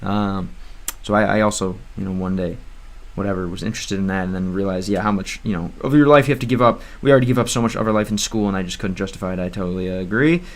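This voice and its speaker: Stumbling through beginner Russian, a young American streamer rambles casually, full of fillers, restarts and hesitant self-corrections. He has a deep, steady voice and talks fast with hardly any pauses.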